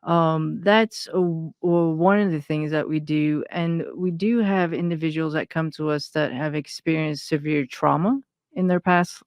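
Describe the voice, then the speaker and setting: A woman's voice: sits low, steady tone, measured pace, no room sound. A woman from Iran, a consultant giving an interview, talks hesitantly with many fillers and restarts. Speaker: guest, intuitive consultant. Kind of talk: personal interview talk.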